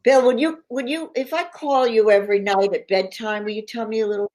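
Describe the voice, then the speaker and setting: Halting female host. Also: a little high, steady tone, a little mellow. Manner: halting, repeats words as she gathers thoughts. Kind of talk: livestream hosting.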